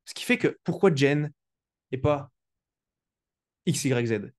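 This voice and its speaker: A man's voice: mid-range voice, lively intonation, slow pace, a little mellow. A man from France hosting a podcast interview, speaking casually and colloquially with many stammered restarts. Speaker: podcast host.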